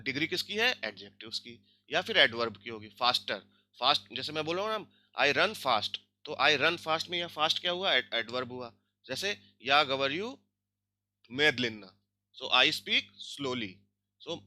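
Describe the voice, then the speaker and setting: A language teacher with a high-leaning, pushed, bright voice gives a grammar lesson. He explains step by step, repeating himself and frequently using tag questions to check that listeners are following.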